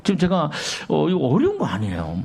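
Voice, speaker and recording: A man's voice: fairly high pitch, huge pitch swings, a little fast, gravelly, darkish tone, breathy edge. A male pastor preaching a Sunday sermon in a church, firing rhetorical questions at the congregation and acting out little scenes. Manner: acts out quoted dialogue in sketches. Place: church sanctuary.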